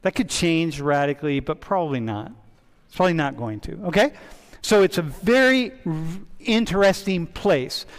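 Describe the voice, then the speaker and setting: A man teaching a university class as a relaxed, chatty professor who keeps breaking off and restarting. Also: on the high side, moderate pace. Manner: chatty, interrupts himself often. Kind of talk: casual classroom discussion. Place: large lecture hall. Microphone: wireless mic. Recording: reverberant lecture hall.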